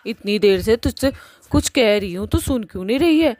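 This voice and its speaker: A woman voicing a pushy, lovesick young witch daughter in a cartoon, talking in a loud nagging way. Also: on the high side, expressive, brisk, no room sound.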